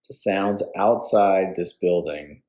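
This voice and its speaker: A deep-voiced man guides a yoga nidra meditation as the instructor, speaking calmly and deliberately with pauses between phrases.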